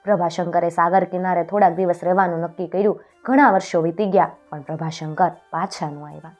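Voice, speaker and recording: Low-voiced woman telling a folk tale. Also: brisk, soft background music. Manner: steady, clear storytelling with lifted voice for quoted speech. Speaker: storyteller. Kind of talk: scripted folk-tale narration.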